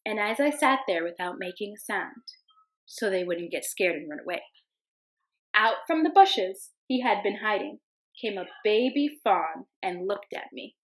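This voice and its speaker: A young teacher's animated mid-range voice reads a picture book to her class at a measured pace, gentle in tone, and sing-songs her calls to the animals. The recording is low quality.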